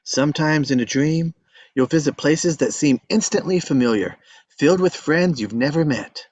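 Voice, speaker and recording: A man's voice: fairly high pitch, moderate pace, darkish tone, no room sound, close to an everyday voice. A man reading an earnest, polite eighteen-year-old young man in a table read. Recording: dull lo-fi audio.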